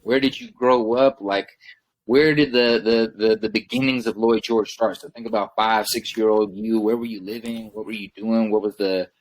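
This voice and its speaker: Friendly low-voiced male podcast host. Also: fairly even intonation, moderate pace, low-quality recording. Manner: warm-up hype, friendly, calls guest brother. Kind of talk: casual interview hosting.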